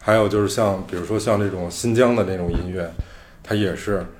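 A man's voice: low-pitched, fairly quick, a little hiss or hum. A man hosting a podcast, explaining music theory in loose, casual talk. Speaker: podcast host. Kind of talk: casual chat.

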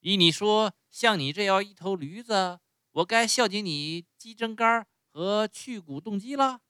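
A man voicing a gruff, greedy circus master who barks and scolds. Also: a little high, animated, normal speed, pushed and bright, no echo, clean studio sound, voice pushed up. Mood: mocking. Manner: barking, scolding.

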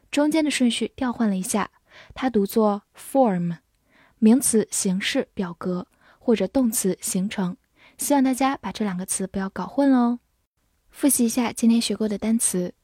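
A woman teaching English words in a patient vocabulary lesson. She spells each word letter by letter and reads example sentences slowly. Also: a little high, warm tone, slightly rough, no echo, clean studio sound. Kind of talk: vocabulary lesson, spelling and slow read-alongs.

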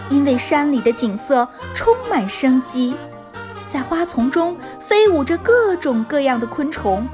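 A woman narrating a scripted children's story in an expressive storytelling manner, as if for young listeners. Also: high voice.

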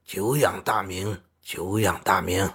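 A man's voice: medium pitch, very animated, unhurried, a bit bright, breathy edge, full character voice. A man voicing a stern old male fox-spirit patriarch in a storybook reading, speaking in a grave, formal, courteous way.

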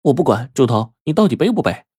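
A man's voice: mid-range voice, sing-song, a little fast, a little mellow, slightly rough, no room sound, studio quality, voice pushed up. A man voicing a willful, bossy young woman from a rich family in a told story. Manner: bossy and playful.

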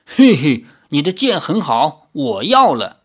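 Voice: medium pitch, sing-song, takes it slowly, breathy edge, full character voice. A storybook narrator voicing a sly, cold old male tree-demon hermit who speaks in a mocking, chuckling way. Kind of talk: audiobook reading.

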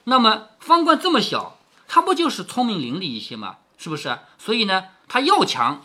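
A man hosts a reading of a classic novel, stopping often to explain it and to put rhetorical questions to the listener. His voice is bright and sharp, and his pitch swings widely through each sentence. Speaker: host reading a classic novel aloud with commentary.

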